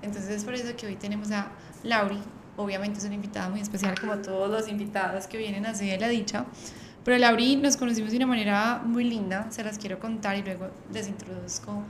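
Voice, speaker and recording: A woman's voice: medium pitch, fairly even intonation, fast. A woman hosting a casual podcast chat, telling stories animatedly and laughing often. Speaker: podcast host. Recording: echoey room, faint background noise.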